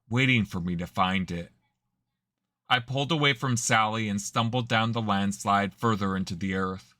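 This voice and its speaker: In an audio drama, a man voices a hesitant young man recounting a painful memory beside a fire, his delivery subdued and halting. The voice is low yet bright and forceful, captured in a close, dry recording.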